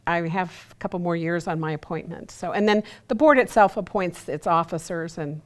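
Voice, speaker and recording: A woman's voice: on the low side, moderate pace. A woman appearing as a studio guest on a local TV interview, speaking enthusiastically with lots of fillers. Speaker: committee chair, studio guest.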